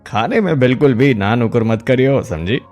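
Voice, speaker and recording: A man's voice: medium pitch, normal speed, darkish tone, faint music behind, natural voice. A man voicing a greedy, scheming young man who coaxes and schemes in a cartoon story. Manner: coaxing, sly.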